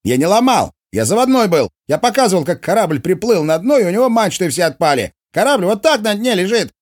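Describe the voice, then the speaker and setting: A man voicing an overexcited little boy who yells and protests. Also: high-pitched, big pitch swings, fairly quick, no echo, studio quality, voice pushed up. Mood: shrill protest. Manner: yelling, protesting.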